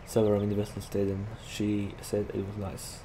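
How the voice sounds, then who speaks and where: This gaming YouTuber, a young man from Slovakia, speaks with a Slovak accent at a normal pace in a fairly low, monotone voice. He rambles chattily about his gameplay, leaning hard on "like" as filler, while game vehicle sounds play underneath.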